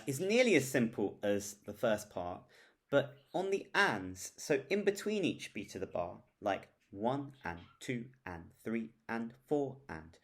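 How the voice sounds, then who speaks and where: A man teaching an online singing and beatboxing class, his pitch rising and falling in an animated way. He encourages the group warmly through the steps and counts out beats as he demonstrates. His voice sits at an ordinary middle pitch. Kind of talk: upbeat virtual group lesson.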